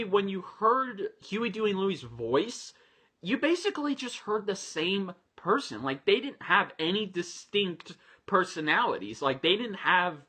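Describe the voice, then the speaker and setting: A man's voice: high voice, pushed and bright, slightly rough. A man giving chatty, enthusiastic reaction commentary, with frequent fillers and restarts. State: voice a little low. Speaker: reaction video host.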